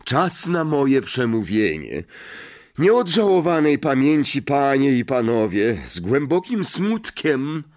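A man doing a proud, touchy ghost gentleman. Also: mid-range voice, very animated, slow pace, voice pushed up. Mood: proud and sulky. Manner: dignified, sulky and dry. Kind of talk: audiobook reading.

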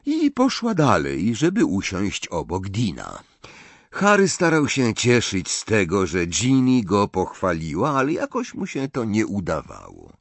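A man narrating a novel in an expressive storytelling manner, switching into many voices. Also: on the low side, a little slow, husky, no echo. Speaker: audiobook narrator.

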